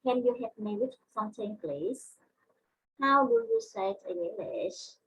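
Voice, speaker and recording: A woman's voice: a little high, animated, takes it slowly, fairly bright tone, slight background noise, poor audio. A woman English teacher with a Vietnamese accent, giving a class, spelling words out letter by letter and explaining in Vietnamese. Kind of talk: online class lesson.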